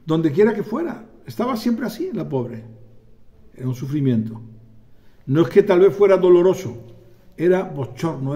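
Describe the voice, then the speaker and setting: A man preaching a sermon, animated, acting out voices and calling on the congregation for amens. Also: a little high.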